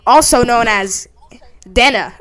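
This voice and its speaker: Slow, giggly woman spinning a silly story. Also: a little high, fairly bright tone. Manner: playful, giggly, silly voices. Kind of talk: improvised storytelling with a friend.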